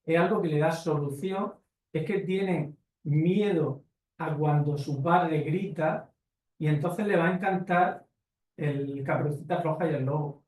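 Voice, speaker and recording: In an echoey conference hall, recorded from far away, a man speaks at a measured pace in a fairly high, somewhat mellow voice. Taking questions on a panel, he argues bluntly and emphatically, lecturing with rhetorical questions aimed at the audience.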